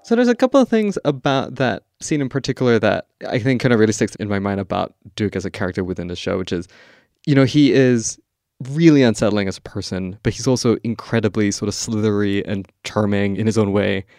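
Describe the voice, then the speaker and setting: Low-voiced man hosting, halting delivery. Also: lively intonation, darkish tone, dry recording, clean studio sound. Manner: hesitant, many "like" and "you know" fillers. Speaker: podcast host interviewer. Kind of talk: conversational interview.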